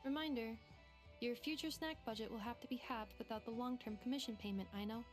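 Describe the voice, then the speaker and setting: An actress voicing a precise, literal female assistant robot in a game, speaking in flat, formal, clinical phrasing. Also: fairly high pitch, fairly quick, natural voice. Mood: matter-of-fact. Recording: game audio with music behind.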